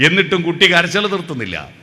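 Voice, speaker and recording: A man's voice: on the high side, big pitch swings, quick pace, pushed and bright. A man with a Kerala Malayalam accent giving a devotional talk, telling stories, asking rhetorical questions and breaking into sung verses. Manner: storytelling, sings snatches of hymns, rhetorical questions. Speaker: spiritual speaker.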